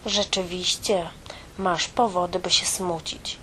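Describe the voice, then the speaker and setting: A woman voicing a kind, eager little female mouse in a storybook tale, lively and exclaiming. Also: lowish voice, slow pace, a little hiss or hum. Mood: caring.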